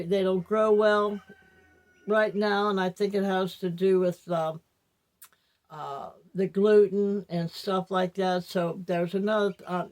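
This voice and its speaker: Slow-talking older woman, toothless speech. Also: medium pitch, darkish tone. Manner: rambling, reflective, halting. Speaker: vlogger. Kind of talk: casual personal monologue to viewers.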